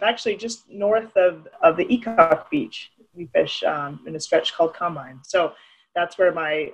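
A woman's voice: low voice, gravelly, husky, poor audio. Earnest woman raised in Alaska. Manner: earnest, with many ums and restarts. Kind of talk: casual interview answers.

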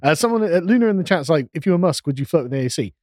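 A man's voice: a little high, animated, very fast, darkish tone, dry recording. A man co-hosting a live podcast, chatting casually, laughing often and mimicking voices. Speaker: podcast co-host. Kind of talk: casual banter on a live stream.

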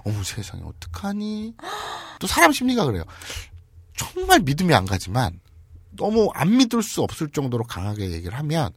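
A man teaching Japanese on a comedy talk show, telling a story with animated delivery and bursts of laughter. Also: on the high side, fairly quick, husky, dry recording, clean studio sound. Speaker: Japanese language teacher and co-host. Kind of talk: comic storytelling lesson.

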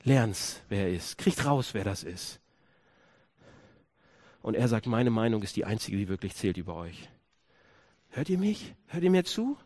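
A male pastor preaching a sermon, dropping to hushed low stretches, then rising into emphatic repeated questions. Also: sing-song, measured pace, long pauses, no echo.

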